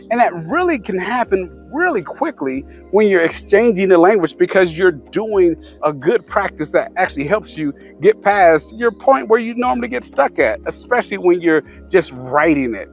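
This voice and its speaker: A man casually giving tips to camera, rambling with many fillers and restarts. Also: high-pitched. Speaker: vlogger sharing language-learning tips.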